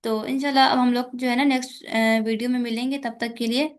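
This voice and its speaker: A woman's voice: fairly high pitch, little pitch movement, brisk. A woman with a Pakistani accent giving an exam-focused lecture, mixing English terms into her speech with frequent fillers. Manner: mixes English terms into Urdu, many fillers. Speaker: teacher.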